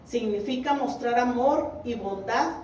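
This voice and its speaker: A woman's voice: on the high side, measured pace, a little mellow, slight background noise. A woman preaching a sermon, earnestly exhorting her congregation. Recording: roomy, distant mic.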